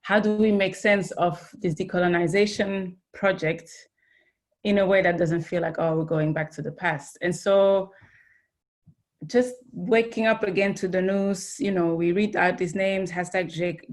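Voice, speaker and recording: A woman from Belgium speaks as a panelist on a video call, her voice on the low side. She talks earnestly and works through her thoughts aloud, with restarts and fillers. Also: fairly even intonation, measured pace. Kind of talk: academic panel discussion.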